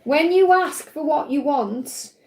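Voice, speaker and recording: A woman's voice: high voice, lively intonation, slow pace, a little mellow. A woman with a Stoke-on-Trent accent, giving a casual, reassuring live card reading to viewers. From Stoke-on-Trent, England. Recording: roomy, echoey sound.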